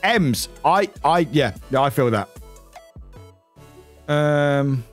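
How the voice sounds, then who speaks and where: Guy streaming a reaction, rambly, swears a lot, voice bounces all over, slightly high, some music under it. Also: extremely slow. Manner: excitable, rambling, swears freely; self-interrupting, scattered. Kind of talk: live reaction commentary.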